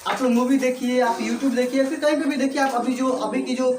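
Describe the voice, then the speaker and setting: A man's voice: very high-pitched, steady tone, brisk, a little mellow, reverberant, a little hiss or hum. A man teaching English to a class with an Indian accent, repeating points and often checking that students follow. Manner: repetitive, checks understanding often.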